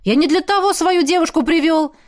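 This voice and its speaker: A woman's voice: fairly high pitch, lively intonation, a little slow. A woman reading aloud voices a hot-headed, possessive young man, pushy and indignant in his speech. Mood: angry.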